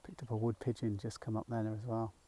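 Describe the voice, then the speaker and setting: A middle-aged man talking gently while walking outdoors, a little out of breath, rambling with fillers as he guides a mindfulness practice. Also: lowish voice, monotone, fast talker, breathy edge. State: slightly out of breath. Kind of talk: casual walking vlog. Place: outdoors in a field by a small woodland.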